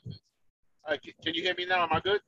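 A man's voice: on the high side, level tone, fast, bright, forceful tone, no room sound. A man calling in over a clipped, cutting-out phone line, stammering and repeating words in a casual sports debate. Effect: clipped, cutting-out phone call line. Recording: dull remote call line, far from mic.

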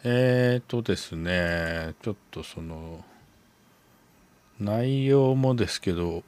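A man in a casual book club chat, explaining his picks in an unhurried way that thinks aloud. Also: lowish voice, darkish tone, smooth.

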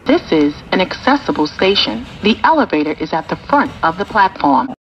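Lively-pitched woman making train announcements. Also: moderate pace, lo-fi sound, soft background music. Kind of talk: scripted transit announcement.

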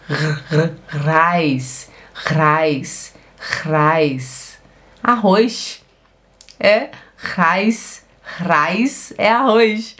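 Woman, language teacher, unhurried, patient, repeats every phrase, middle pitch. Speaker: German teacher. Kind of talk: language lesson.

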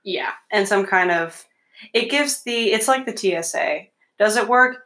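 A woman's voice: mid-range voice, lively intonation, a little slow, a bit bright. A young woman hosting a podcast from her bedroom, chatting casually, joking and laughing often. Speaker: podcast host. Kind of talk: casual chat. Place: bedroom at home.

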